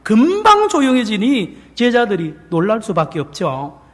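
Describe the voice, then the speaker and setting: Man, pastor, animated sermon, long church reverb. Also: high voice, moderate pace. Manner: animated preaching, acts out quotes, asks the congregation questions. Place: large church sanctuary.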